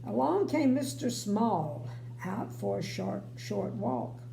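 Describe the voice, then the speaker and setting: An older woman reads a bedtime story in a slow, mellow voice. She adds folksy, chatty asides as she goes. The room sounds echoey, with a faint hum. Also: mid-range voice, big pitch swings, creaky. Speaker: grandmother reading bedtime stories. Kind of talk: read-aloud storytelling with casual chatty asides. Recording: roomy home recording, faint hum.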